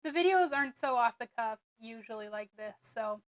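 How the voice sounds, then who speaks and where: A woman's voice: a little high, animated, brisk. A woman narrating a casual homemaking vlog, chatty and rambling with frequent ums and little laughs. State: hiccuping. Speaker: homemaking vlogger.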